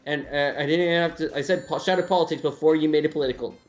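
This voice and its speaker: A man's voice: fairly high pitch, fairly even intonation, racing. Opinionated man ranting about game design. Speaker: let's play commentator. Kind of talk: casual game commentary chat.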